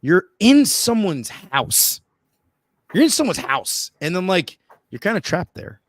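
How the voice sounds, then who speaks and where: A man's voice: high-pitched, a little slow, no room sound, clean studio sound. A man telling an embarrassing story in casual chat, full of fillers, restarts and acted-out voices. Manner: animated, acts out voices, many fillers and restarts. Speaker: podcast guest telling a story.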